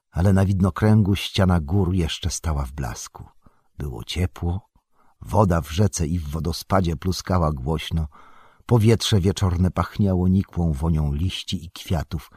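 Low husky male audiobook narrator. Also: no echo, clean studio sound. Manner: measured, expressive storytelling. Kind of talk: scripted fantasy narration.

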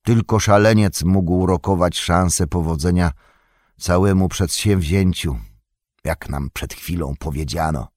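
A man voicing a grave, weary old wizard in an audiobook, deep and measured. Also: a little mellow, no echo, clean studio sound. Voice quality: deep, slow and measured, drops to a whisper. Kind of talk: audiobook reading.

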